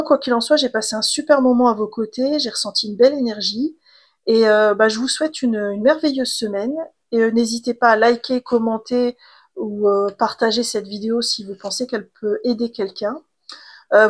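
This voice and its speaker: Woman, tarot reader, higher-pitched, gentle and chatty, casual guidance tone. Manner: gentle, chatty, many fillers and restarts. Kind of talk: casual spiritual card reading.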